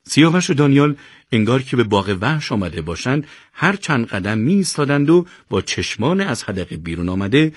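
A male narrator reads a serialized novel in a lively, expressive voice that rises and falls a great deal. The sound is close and dry, with almost no room echo. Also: medium pitch. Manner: expressive storytelling, greets listeners. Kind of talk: scripted narration.

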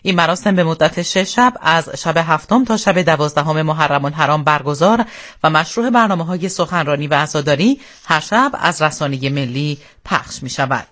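Solemn, higher-pitched Iranian man reading formal news. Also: expressive, a bit bright. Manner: solemn, formal newsreader delivery. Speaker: radio newsreader. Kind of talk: formal scripted news bulletin. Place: radio studio.

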